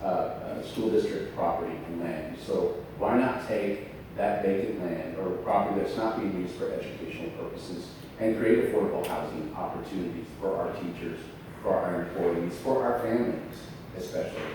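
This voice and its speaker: A deep-voiced man from Austin, Texas, who serves as a school board trustee, addresses a public forum earnestly at a moderate pace, with many fillers and restarts. The recording is from an echoey hall with a distant mic and background noise.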